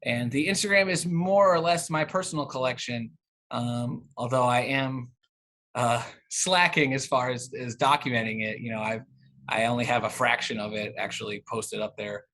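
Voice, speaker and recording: In a casual, conversational interview, a man in his thirties who organises a cassette exchange answers questions as the guest. His voice is medium-pitched and sharp in tone, moving at a normal speed, and his phrasing is hesitant and rambling.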